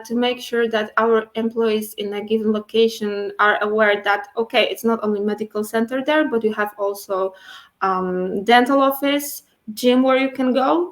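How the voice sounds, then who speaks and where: Higher-voiced woman talking with braces. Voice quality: speaking with dental braces, slightly impeded articulation. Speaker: guest speaker, internal communications and IT professional. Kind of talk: explanatory interview answers.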